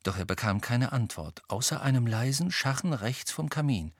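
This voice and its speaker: A man reading an audiobook in measured, even scripted narration. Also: mid-range voice, slightly rough, dry recording, clean studio sound.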